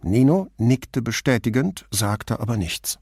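Male novel narrator; low, gravelly voice, lively inflection, dry close sound. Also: no echo. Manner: expressive, measured storytelling. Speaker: audiobook narrator.

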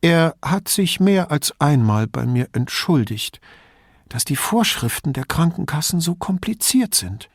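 A man voicing a frail, chatty old widow who rambles and confides in a hushed tone. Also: sing-song, a little slow, no room sound, studio quality, exaggerated voice. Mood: confiding. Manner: rambling, confidential, lowers voice to a whisper.

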